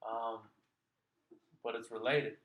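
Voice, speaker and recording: A man's voice: medium pitch, little pitch movement, slow, fairly bright tone. A man tutoring a child in maths one-on-one, explaining patiently and checking in with frequent "okay?"s. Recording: echoey room.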